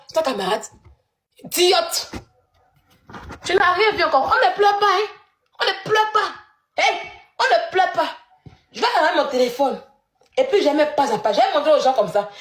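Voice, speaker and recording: A woman's voice: high voice, fairly bright tone, reverberant. A woman ranting heatedly, mocking her rival and laughing scornfully between jabs. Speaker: social media personality in a feud. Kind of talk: angry livestream rant.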